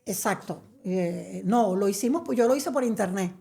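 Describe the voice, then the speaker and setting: A woman's voice: medium pitch, normal speed, vocal fry, mellow. A middle-aged woman from Venezuela, telling her story as a guest in a chatty interview, with many fillers. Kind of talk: conversational interview.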